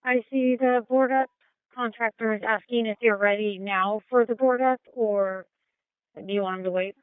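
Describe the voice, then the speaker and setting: A woman's voice: a little high, fairly even intonation, moderate pace, smooth, no room sound, phone-quality sound. An American woman working as an emergency dispatcher, reading messages back procedurally in police-radio style over a radio transmission.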